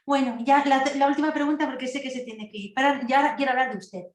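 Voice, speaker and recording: A woman interviewer puts her questions in a quick, courteous way. Her voice is a little high and comes across as far from the microphone, with a noticeable room echo. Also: steady tone.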